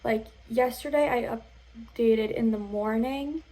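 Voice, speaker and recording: A woman's voice: on the high side, measured pace, mellow, rough recording. A young adult woman giving a casual vlog update in an informal, rambling and hesitant way. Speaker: vlogger.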